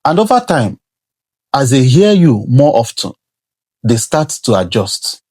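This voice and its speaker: A man with a heavy non-native accent talks to camera in an earnest, instructive way. His voice is husky. The sound is dry and close, with no room echo. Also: mid-range voice, very animated, measured pace, darkish tone. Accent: non-native English, heavy. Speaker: career vlogger. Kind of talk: advisory talk to camera.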